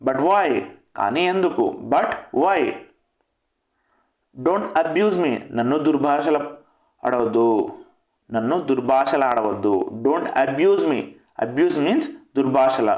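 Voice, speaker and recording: Slow, deliberate male teacher. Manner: says each English phrase, then gives its Telugu meaning and repeats it; lifts his pitch on the English phrases. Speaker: spoken English teacher. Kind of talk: language lesson with repetition. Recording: echoey room.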